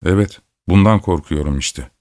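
Storybook figure: a deep, grumbling old bearded caretaker, put on by a male reader, sleepy and sing-song. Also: moderate pace, darkish tone, no room sound, clean studio sound, close to an everyday voice. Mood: grudging.

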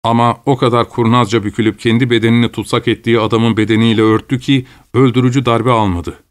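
A man giving a steady, measured scripted narration of a story. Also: medium pitch.

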